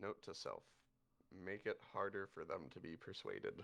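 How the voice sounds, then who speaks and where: A man running a tabletop game as game master, narrating in a lively way with frequent laughs. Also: deep voice, normal speed, creaky.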